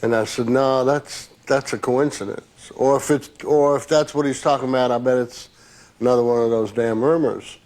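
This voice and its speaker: A man telling a personal memory in an interview, earnest and a little halting. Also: mid-range voice, steady tone, a little mellow.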